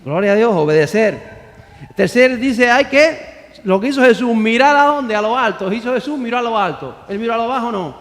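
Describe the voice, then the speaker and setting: Man, pastor, emphatic sermon, high voice, long hall reverb. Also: animated, normal speed. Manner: emphatic, rhetorical questions, calls on congregation to repeat.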